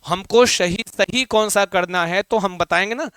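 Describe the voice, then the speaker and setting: Male teacher, chatty, repeats key points and quizzes the class; smooth, clear voice. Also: high-pitched, a little slow, fairly bright tone, no room sound, clean studio sound. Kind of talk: live online class.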